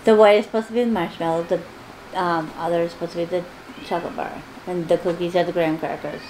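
A woman's voice: on the low side, steady tone, fast, darkish tone, a little hiss or hum, low-quality recording. A woman co-hosting a casual video, playful and teasing. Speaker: co-host. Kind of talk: casual chat.

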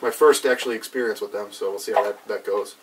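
A young man in a casual review chat, halting and searching for words as he goes. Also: fairly low pitch, fairly even intonation. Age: young adult. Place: small cluttered indoor room with brick wall. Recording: distant mic, background noise.

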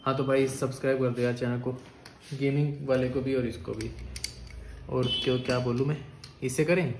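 A man chatting excitably through casual toy-battle commentary, speaking at a middle pitch. His voice rings in an echoey room, with steady noise in the background. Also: normal speed. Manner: chatty, excitable, calls viewers "bhai" and "guys". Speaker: YouTuber.

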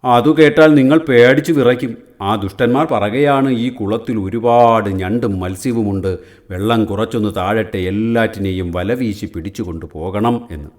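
A man's voice: lowish voice, normal speed, darkish tone, natural voice. A man voicing a cunning old male heron who weeps false tears and schemes in a pleading tone. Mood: sly pleading.

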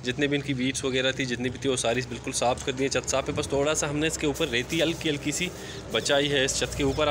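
A man gives a casual, chatty walk-through of his rooftop yard, often repeating filler phrases. He films on a handheld phone camera outdoors. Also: on the high side. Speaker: poultry vlogger. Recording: outdoor ambient noise.

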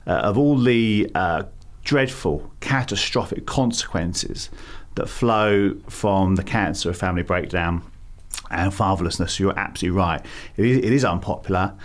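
A middle-aged London-accented man from England, a campaign founder appearing as a guest, answers questions with many fillers and restarts, speaking at a moderate pace in a low-pitched voice.

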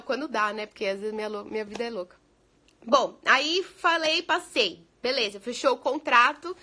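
A woman's voice: high-pitched, bright, forceful tone. A Brazilian woman, an English teacher, chatting casually and laughing often with viewers, mixing in English phrases. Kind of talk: casual live chat answering viewer questions. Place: home in the United States.

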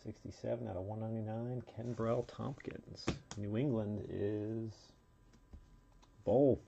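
A man's voice: on the low side, vocal fry, dark tone, slightly rough. A man hosting a live trading card break, casually calling out player names and serial numbers as he opens packs, in a dull lo-fi recording.

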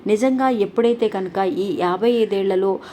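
A woman's voice: mid-range voice, moderate pace, warm tone, slight background noise. A woman hosting a devotional channel, telling a story in an earnest, polite way with frequent restarts.

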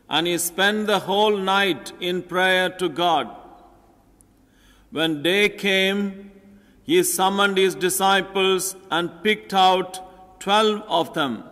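An older man, a priest, reading scripture and preaching solemnly with measured phrasing in the echo of a large church. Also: high-pitched, a bit bright. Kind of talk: solemn gospel reading and homily. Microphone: lectern gooseneck microphone. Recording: echoey church hall, long reverb.

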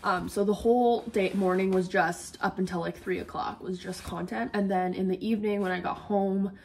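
A woman's voice: mid-range voice, steady tone, moderate pace, vocal fry, a little mellow, far from the mic. A woman vlogging in a casual, rambling way, worn out and fighting a head cold. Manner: rambling, tired. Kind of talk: casual vlog chat.

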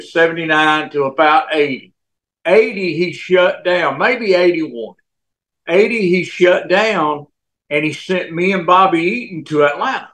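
Slow-talking older man wrestler. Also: on the high side, rough recording. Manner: animated storyteller, folksy, sound effects. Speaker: former pro wrestler, guest. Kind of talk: casual storytelling interview.

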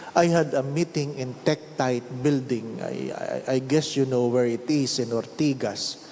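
Slow-speaking Filipino priest in a reverberant church. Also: male voice, medium pitch, warm tone. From Philippines. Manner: measured delivery, mixing English and Tagalog. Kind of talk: gospel reading and homily. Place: large church at the altar. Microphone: handheld microphone. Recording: long church reverb, faint hiss.

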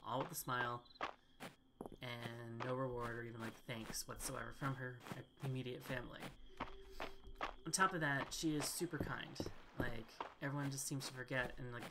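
A woman's voice: very deep voice, heavy background noise. A woman giving casual, rambling commentary while she plays a video game, chatting and thinking aloud. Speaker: gaming streamer. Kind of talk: casual let's-play commentary. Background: loud game music.

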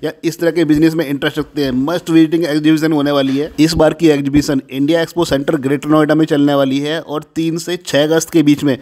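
Brief: male vlogger, voice-over, slightly high and even, reels off facts steadily. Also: quick pace, few pauses. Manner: steady informative listing. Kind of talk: promotional voice-over.

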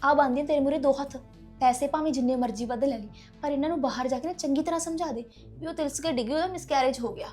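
A woman's voice: sits high, rapid-fire, a little mellow, faint music behind, lightly acted. A woman acting as a conniving young woman who fakes her grief and schemes for a place in the household. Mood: pleading. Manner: urgent, conniving. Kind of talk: amateur web-drama acting.

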